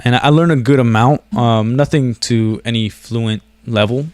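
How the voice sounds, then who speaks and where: Talking straight to camera, this man chats in a loose, meandering way full of slang and jokes at his own expense. English isn't his first language; he was born outside the US and came over as a kid. His mid-range voice is smooth, moving at a moderate pace, and there's no echo.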